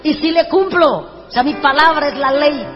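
High-voiced woman preaching with humor. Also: moderate pace. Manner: animated, humorous, acts out dialogue. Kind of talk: storytelling sermon. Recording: echoey hall, dull sound, music behind.

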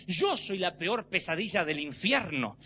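A man's voice: high voice, big pitch swings, measured pace. A man preaching a sermon to a church congregation, pressing his points with emphatic, rising declarations. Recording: slightly dull with faint hum.

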